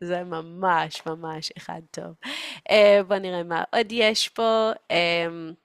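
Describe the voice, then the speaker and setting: A woman's voice: lowish voice, steady tone, vocal fry, clean tone, dry recording, clean studio sound. Patient woman teaching a language lesson. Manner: patient and explanatory, slips into English glosses, often laughs. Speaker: Hebrew teacher and podcast host. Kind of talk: language lesson explaining phrases.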